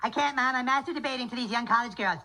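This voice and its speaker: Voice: mid-range voice, quick pace, creaky, lightly acted. An actor voicing a smug, crude cartoon schoolboy who debates in a preachy rush, taped off a TV. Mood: bratty. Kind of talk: cartoon voice acting. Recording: TV audio recorded off screen, noisy.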